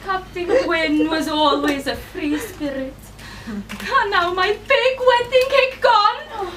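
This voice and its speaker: Here is a scatterbrained, jilted young bride with a very high, bright, lively voice. She is heard from a distance on a theatre stage, with faint room noise around her. She sounds flighty and self-pitying. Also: slow, exaggerated voice.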